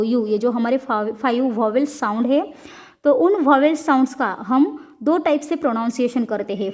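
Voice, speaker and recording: A high-voiced woman teaches a lesson in an unhurried way. She reads the sentences slowly and carefully and spells words letter by letter. Between them she switches to quicker explanations in Hindi. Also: darkish tone.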